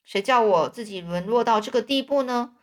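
A theatrical young man who sighs over his lost fortune and plays the tragic hero, acted by a woman reading a storybook aloud. The voice leans somewhat high with sweeping emotional delivery. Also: brisk, natural voice. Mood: mournful. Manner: sighing, mournful, theatrical. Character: self-pitying young male drifter, melodramatic.

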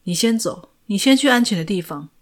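A woman's voice: mid-range voice, animated, brisk, natural voice. Woman reading a desperate teenage boy. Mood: pleading.

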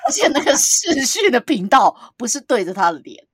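A woman telling a long, animated story on a podcast, acting out what people said and often laughing. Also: fairly high pitch, a little slow. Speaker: podcast co-host. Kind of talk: casual storytelling chat.

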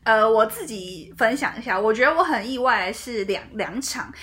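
A young woman chatting casually about an old drama, her voice bright and higher than most. She swings widely in pitch, laughing and swearing mildly as she pokes fun at scenes. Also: normal speed. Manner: animated, swears and laughs while ranting. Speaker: co-host. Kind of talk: casual chat reviewing a drama.

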